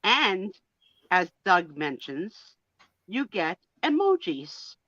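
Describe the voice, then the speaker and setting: A woman's voice: on the low side, sing-song, drawn-out words, bright, forceful tone, dry recording. A woman co-hosting a casual live stream, joking and teasing, her voice muffled and underwater-sounding through a headset mic. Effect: muffled underwater-sounding headset audio. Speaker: co-host.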